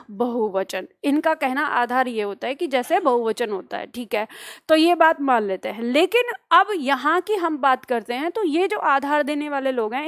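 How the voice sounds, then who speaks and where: A woman's voice: high voice, no room sound, studio quality. A woman teaching Hindi grammar in an earnest, argumentative lecture full of rhetorical questions. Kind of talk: classroom lecture at a whiteboard.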